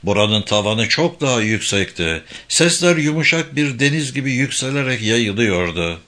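A man narrating a suspense audiobook in a measured, suspenseful reading. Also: medium pitch, animated, sharp tone.

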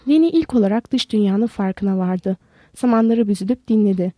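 Woman narrator for a novel, warm and mellow, dry close mic. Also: medium pitch, lively intonation, a little fast, dry recording. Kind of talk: audiobook narration.

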